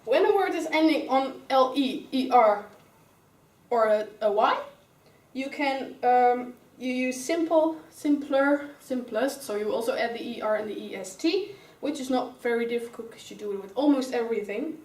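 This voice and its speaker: Young woman, Dutch accent, teacher, step-by-step explaining, a bit high voice, far from the mic, echoey classroom. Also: lively intonation, normal speed, a little mellow. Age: young adult. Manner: explains step by step, calls on pupils by name. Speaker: student teacher. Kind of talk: classroom grammar lesson. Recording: roomy classroom sound, mic far away.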